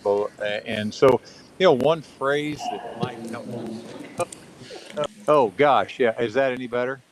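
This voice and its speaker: A man from Kansas joining a formal committee meeting remotely. His audio connection keeps cutting out, so his speech reaches the room halting and broken into fragments. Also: medium pitch, a crowd in the background. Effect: choppy, cutting-out online audio connection.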